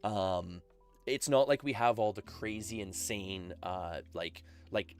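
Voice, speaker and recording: A man's voice: lowish voice, takes it slowly, clear, resonant tone, soft background music. A Canadian man chatting casually on his live game stream through a headset, full of fillers and laughs.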